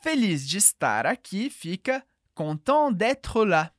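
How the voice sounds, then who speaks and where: A woman teaching a language lesson, clear and patient, slowing down to model each phrase. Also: mid-range voice, sing-song, no room sound, studio quality. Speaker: French teacher.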